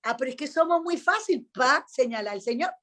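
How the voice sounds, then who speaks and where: A woman with a Venezuelan accent speaks with a notably high voice, telling a personal testimony in a relaxed interview. She brings the story to life by acting out each person's lines. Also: a little fast. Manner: animated storyteller, acts out dialogue. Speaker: radio host, interview guest. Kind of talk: casual testimony chat.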